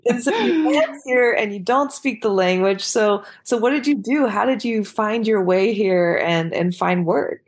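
An American woman hosts a casual podcast interview, her voice carrying a gravelly fry. She talks in a chatty, encouraging way, keeping the conversation easy. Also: mid-range voice. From United States. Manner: chatty, encouraging, quick laughs. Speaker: podcast host. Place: living in Paris.

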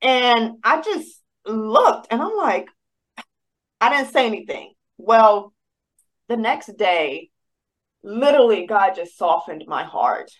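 This is a woman recounting a painful family decision in a personal faith story. She talks haltingly, restarting her sentences often. Her voice rises as the emotion builds. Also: a little high, big pitch swings, low-quality recording. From United States. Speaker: guest sharing a personal story.

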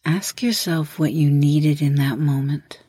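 Leading a guided meditation as host, a woman speaks in a low, warm, slightly husky voice with fairly even intonation. She instructs at a measured pace and lets long pauses fall between prompts. There's no echo at all; the sound is completely dry and roomless.

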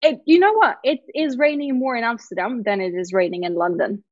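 In a casual interview chat, a woman in her thirties who grew up in Lithuania speaking Russian as her first language tells her story candidly as a guest, animated and laughing often. Her voice is on the high side and a little fast. The recording has no room sound and is muffled.

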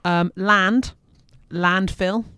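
A woman's voice: mid-range voice, steady tone, sharp tone, smooth, no echo. A woman giving a casual spoken lesson to her husband, rattling off lists with "um"s and quizzing him as she goes. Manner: brisk, listing points with many "um"s and quizzing questions. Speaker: teacher explaining to her husband. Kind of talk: casual revision podcast lesson.

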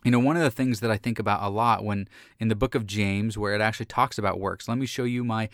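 A pastor in his thirties gives a casual faith talk in an earnest, animated way, often restarting his sentences. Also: fairly low pitch, fast talker, no room sound, studio quality.

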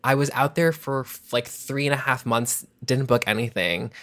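A man in his thirties, a former child actor, chatting casually as an interview guest, rambling and animated with constant "like"s. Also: medium pitch, moderate pace. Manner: rambling, heavy use of "like", animated.

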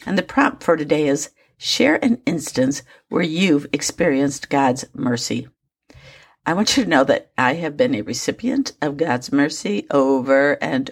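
Low, husky-voiced woman devotional host. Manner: earnest and personal, with small asides. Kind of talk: scripted devotional talk.

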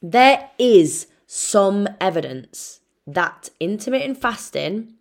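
A woman's voice: mid-range voice, expressive, slow, gravelly. A young Irish woman, a nutritionist hosting her own podcast, talking casually and frankly, swearing freely and calling the listener babe. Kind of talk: casual solo podcast talk.

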